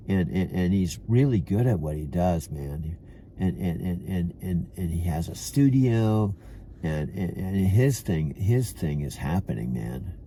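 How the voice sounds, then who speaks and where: With a low, mellow voice and slight background noise, an older Californian-accented vlogger rambles through a self-talk monologue in his parked car. He keeps calling himself "dude" and restarts many times.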